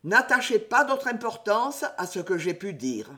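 A man voicing a calm, mysterious gentleman who answers cordially and in a natural voice, in a storybook reading. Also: high-pitched, unhurried, full character voice. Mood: suave.

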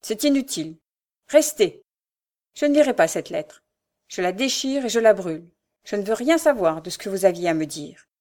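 A harsh, suspicious aristocratic father of a noble house, rough and commanding in every word, voiced by a woman reading a novel aloud. The tone stays mellow and dark rather than bright, with an ordinary pitch. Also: animated, moderate pace, close to an everyday voice.

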